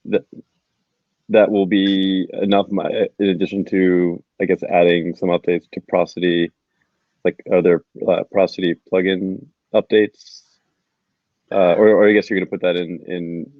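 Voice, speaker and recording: Deep-voiced man on a tinny call line. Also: no room sound. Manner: halting, restarts questions. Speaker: host of the community call. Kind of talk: casual questions on a video call. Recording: tinny phone-like call audio.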